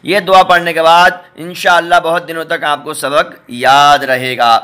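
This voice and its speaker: Bright-voiced man teaching letters patiently. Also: on the high side, steady tone. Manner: patient, repeats each letter pair slowly; addresses viewers directly, asks them to look. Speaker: Quran reading teacher. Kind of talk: step-by-step spoken lesson.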